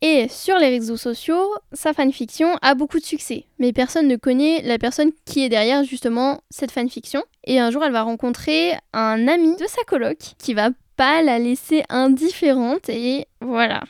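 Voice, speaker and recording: A woman's voice: high-pitched, moderate pace, hardly any pauses, clear, resonant tone, no room sound, clean studio sound. A young woman casually talking about books she loves, enthusiastic and chatty, with frequent hesitations. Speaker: book vlogger. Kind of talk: casual book chat.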